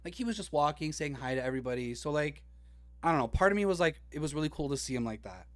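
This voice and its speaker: A man's voice: a little high, animated, fast talker. A man co-hosting a podcast in casual chat, self-deprecating, swearing and laughing a lot. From Canada. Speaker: podcast co-host.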